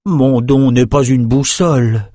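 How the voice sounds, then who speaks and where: A man's voice: mid-range voice, slow, warm tone, dry recording, clean studio sound, pitched above the performer's own voice. A man voicing a weary, pompous male sorcerer in a fantasy audiobook, testy and haughty. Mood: irritated.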